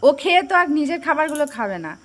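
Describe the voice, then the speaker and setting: A woman's voice: high-pitched, expressive, very fast. A woman vlogging at home with a sore throat from a cold, chatting and talking sing-song to her child. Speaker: vlogger and mother. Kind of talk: casual home vlog. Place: home, indoors.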